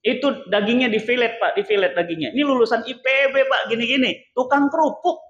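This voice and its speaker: Animated male preacher in echoey mosque. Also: very high-pitched, brisk. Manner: animated, theatrical, acts out quoted voices. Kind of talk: sermon. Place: large mosque hall. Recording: echoey, dull mosque PA recording.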